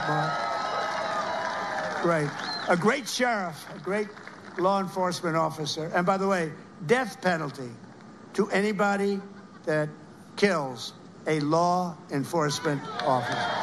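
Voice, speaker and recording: A political speaker at a rally gives a rambling speech, heaping repeated praise on people in the crowd. His voice is high-pitched and creaky, with background noise in the recording.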